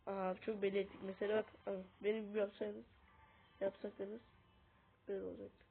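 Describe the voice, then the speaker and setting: Recording on a tablet's built-in mic, a sick woman who hosts gaming videos plays and teaches a mobile game while chatting with viewers, whom she keeps addressing as friends. Her medium-pitched voice is brisk, fairly flat and has vocal fry, and the audio is tinny and lo-fi with a faint hiss.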